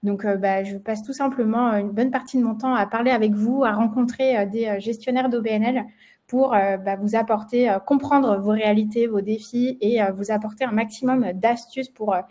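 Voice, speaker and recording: Speaking at a moderate pace with fairly even intonation, a French-accented webinar host sounds mellow and fairly high-pitched. The marketing manager from France restarts hesitantly, uses many fillers, and has a slight frog in her throat.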